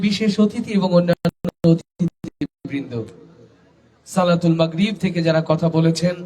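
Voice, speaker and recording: A man with a high voice addresses a large religious gathering through a stage microphone. He leads call-and-response, pushes the crowd to answer louder, and climbs into shouted chants. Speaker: gazal singer leading a religious gathering. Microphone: stage microphone through a public address system.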